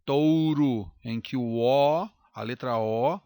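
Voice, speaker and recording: A man, teaching a recorded grammar lesson over slides, drawing out example words slowly and checking in with the listener. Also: mid-range voice, warm tone, clean tone, dry recording, studio quality.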